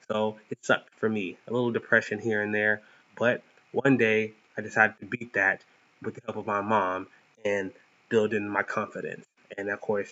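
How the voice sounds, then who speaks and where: A young man with a lisp and a lowish, sharp-toned voice hosts a vlog, giving viewers a playful yet earnest motivational talk with cocky bursts of emphasis. The recording has a dull lo-fi sound.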